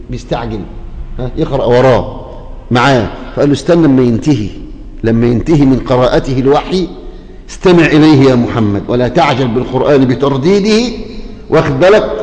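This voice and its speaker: Fast-talking Egyptian teacher in echoing hall. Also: male voice, fairly high pitch. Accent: Egyptian Arabic. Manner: addresses listeners directly, checking they follow; breaks into chanted Quran recitation. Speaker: Quran teacher. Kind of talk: Quran commentary lesson. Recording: echoey hall with long reverb.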